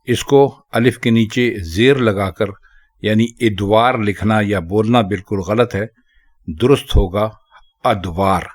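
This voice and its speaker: A man teaching correct spelling and pronunciation, talking slowly and carefully and repeating each word several times. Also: fairly low pitch. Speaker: Urdu language teacher.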